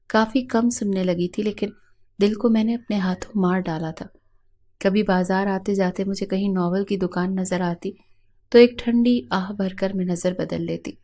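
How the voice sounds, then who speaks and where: A woman narrating a romance novel in the first person, with steady, measured storytelling. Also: medium pitch. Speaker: audiobook narrator.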